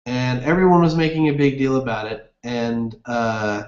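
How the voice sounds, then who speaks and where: A man's voice: mid-range voice, steady tone, moderate pace. A young man hosting a casual gaming livestream, rambling upbeat with lots of fillers while reading viewer comments. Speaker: livestream host. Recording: roomy, dull lo-fi webcam audio.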